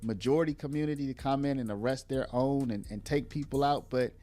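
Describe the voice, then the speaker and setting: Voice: medium pitch, brisk, warm tone, soft background music. An online commentator talking casually to viewers in a chatty way, often saying "y'all".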